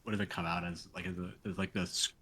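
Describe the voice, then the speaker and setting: A man plays a tabletop game, chatting casually in a deep voice. He talks quickly with a rough, husky tone, often tripping into repeats. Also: flat delivery, sharp tone.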